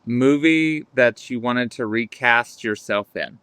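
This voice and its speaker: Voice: medium pitch, slow, fairly bright tone, clean tone, no echo. An interviewer in a casual chat, giving brief prompts and short reactions.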